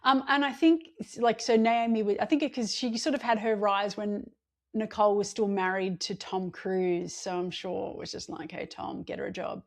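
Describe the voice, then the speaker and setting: A woman co-hosting a casual chat podcast, chatty with quick self-mocking asides. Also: medium pitch, steady tone. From Australia. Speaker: podcast co-host. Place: home or work, remote recording.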